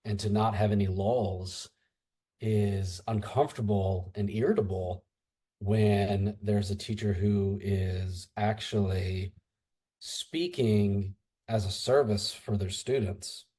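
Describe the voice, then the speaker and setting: A man's voice: lowish voice, fairly even intonation, slow pace, warm tone, slightly rough. A man who teaches English, a guest in a casual podcast chat, rambling and antsy as he talks. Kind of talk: casual conversation.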